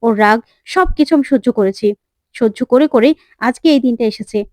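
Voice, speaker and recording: A woman's voice: fairly high pitch, normal speed, no echo, close to an everyday voice. A woman voicing a stern, angry middle-aged father of the house who scolds and gives orders. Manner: scolding, commanding.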